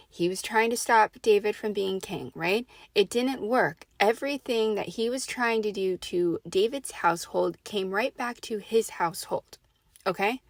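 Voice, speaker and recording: A woman delivers a casual faith talk in a conversational, emphatic way, tagging her points with quick check-ins. Her voice sits at a middle pitch. The sound is close and dry, with no room echo. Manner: conversational, emphatic, frequent "right?" and "okay?" tags. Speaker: faith speaker. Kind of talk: casual preaching monologue.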